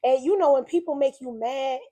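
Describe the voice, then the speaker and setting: A woman with a high, warm voice talks a little fast, her tone slightly raspy from illness. In a casual spoken reflection, she shares an earnest, preachy faith message, conversational and full of emphatic repetition.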